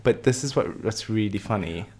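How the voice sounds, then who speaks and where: A man co-hosting a casual podcast, animated and opinionated, often giggling between points. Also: fairly low pitch, moderate pace, husky. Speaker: podcast co-host. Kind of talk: casual chat.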